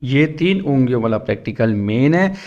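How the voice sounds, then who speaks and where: A man's voice: mid-range voice, animated, a little mellow, dull audio. Man drilling letter sounds. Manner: drills sounds aloud in repeated syllables; asks and answers his own questions. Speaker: Quran teacher. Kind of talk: teaching children's letter sounds.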